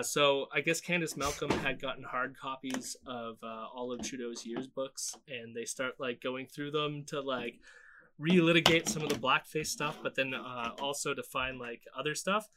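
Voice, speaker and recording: A man's voice: medium pitch, normal speed, bright, forceful tone, slight background noise. A man co-hosting a casual political podcast, rambling with fillers and laughing often. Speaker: podcast co-host.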